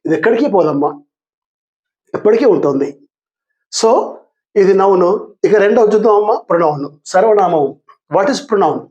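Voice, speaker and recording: High-voiced older man teaching grammar. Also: expressive, darkish tone, muffled recording. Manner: patient, repeats terms and asks the class questions, calls students dear; reads English definitions very slowly and deliberately. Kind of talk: grammar lesson.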